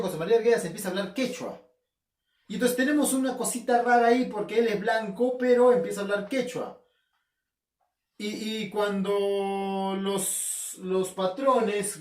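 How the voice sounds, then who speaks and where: Guy teaching lit from home, asks himself questions, roomy echo. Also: high-pitched. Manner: animated, asks and answers his own questions. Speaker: literature teacher. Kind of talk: casual remote class lecture. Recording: echoey room, voice somewhat far from mic.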